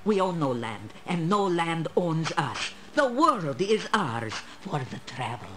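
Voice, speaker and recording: Old female fortune teller, video game character, slow solemn delivery, sweeping intonation, mysterious, proud. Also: low-pitched, sing-song, full character voice.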